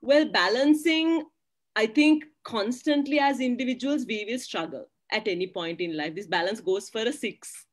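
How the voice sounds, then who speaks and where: A woman in her thirties speaks as a panelist over a laptop webcam in a small curtained room. Her voice sits a touch high. She talks earnestly, leaning on "you know" and "right?" as she makes her points. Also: normal speed. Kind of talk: panel discussion on a video call. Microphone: laptop webcam on a video call.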